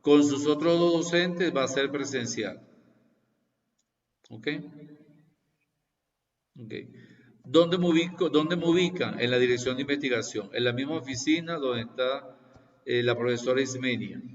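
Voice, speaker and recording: A man in his sixties lectures students on a video call, explaining things slowly and repeating points, often pausing to check they follow. His voice comes from a distance in a roomy space. The call audio sounds dull. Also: medium pitch. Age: 60s. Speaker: university lecturer. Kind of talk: online class introduction.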